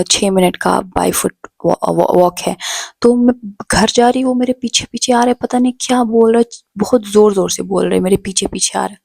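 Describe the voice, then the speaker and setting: A woman's voice: mid-range voice, vocal fry, a little mellow, no echo. A young woman from Pakistan telling her story in a chatty vlog, switching between Hindi-Urdu and English. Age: young adult. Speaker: vlogger.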